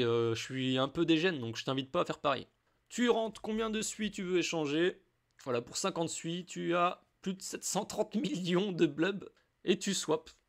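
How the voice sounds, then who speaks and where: A man from France walking the viewer through a crypto tutorial in a casual, chatty way, with frequent fillers. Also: high voice. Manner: chatty, addresses viewer informally with many fillers. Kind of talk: casual screen-recorded tutorial.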